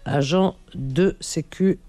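A woman's voice: lowish voice, takes it slowly, warm tone, no echo. A woman hosting a call-in radio show, chatting casually and teasing her caller with lots of fillers. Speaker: radio host.

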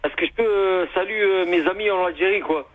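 A man of Tunisian origin with a northern French accent calling a radio show, talking eagerly in halting, repetitive bursts. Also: high voice, narrow, tinny audio. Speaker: radio caller. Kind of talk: casual call-in chat.

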